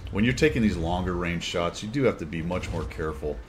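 A man's voice: low-pitched, expressive, fairly quick, background noise. A man casually commenting over his own gameplay footage, chatty and wry, breaking into exclamations and laughs at good plays. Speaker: gaming channel host.

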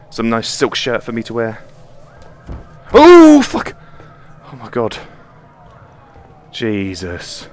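A man's voice: mid-range voice, a bit bright, slight background noise. A man commenting on a horror game as he plays it, jumpy, swearing often and laughing nervously. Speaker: VR gameplay channel host. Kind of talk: live gameplay commentary. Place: home room, playing on the floor.

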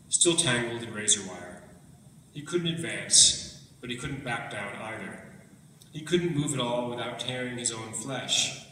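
A man reading a passage from his own book aloud to an audience at a book launch, in a measured, even way. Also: medium pitch, a little hiss or hum. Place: event hall. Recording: echoey hall recorded from far off.

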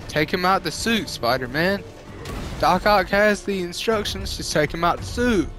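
A man's voice: sits high, animated, normal speed. Laid-back young man playing a game. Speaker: gaming youtuber. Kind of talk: casual let's-play commentary. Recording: commentary over game music.

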